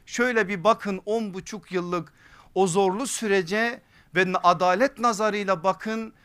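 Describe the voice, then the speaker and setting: A man delivers a religious lecture at a pulpit microphone in a fairly high, smooth and resonant voice. He builds his points in deliberate phrases, with emphatic repetition in a preacher's rhetorical style. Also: steady tone, bright, forceful tone. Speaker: preacher giving a religious lesson series.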